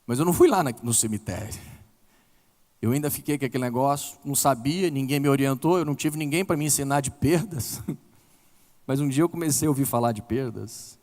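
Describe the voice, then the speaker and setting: A man's voice: fairly quick, darkish tone, long reverb tail. Emotional Brazilian pastor in his forties. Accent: Brazilian Portuguese. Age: 40s. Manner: emotional storytelling with big pitch swings. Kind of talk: sermon. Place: church hall.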